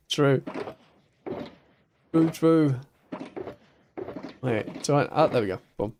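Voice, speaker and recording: Male streamer, slightly high voice, unhurried, chatty, laughs easily while building. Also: a little mellow, slight background noise. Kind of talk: casual chat while playing a building game.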